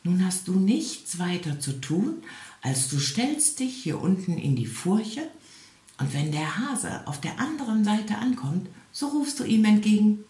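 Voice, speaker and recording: A sly, stubborn little hedgehog who talks brisk and bossy in a raised voice, as a woman reads him in a storybook. The reading has a roomy echo, and the voice jumps around lively. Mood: scheming. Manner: brisk and bossy, higher than the narration. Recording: echoey room.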